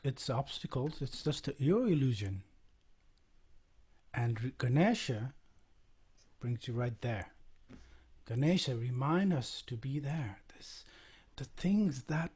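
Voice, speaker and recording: A man from Nepal, softly guiding listeners into a devotional chant, often trailing off to a near whisper. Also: mid-range voice, husky. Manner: soft-spoken, halting, drops to near whisper. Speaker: musician leading a chant. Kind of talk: guided devotional chant session. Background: faint percussion music.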